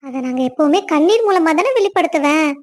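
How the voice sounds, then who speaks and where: Cartoon lead: a woman playing a loving, tearful young wife, squeaky-high voice, emotional. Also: expressive, fast talker, a little mellow. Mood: teasing. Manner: emotional, weepy, pleading. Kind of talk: cartoon family drama voice acting.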